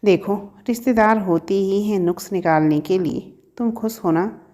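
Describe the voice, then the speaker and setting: A woman's voice: mid-range voice, moderate pace, warm tone, close to an everyday voice. A woman reading a storybook, voicing a young male professor who pleads and teases his sweetheart. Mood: teasing. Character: young man, a professor, earnest and teasing lover.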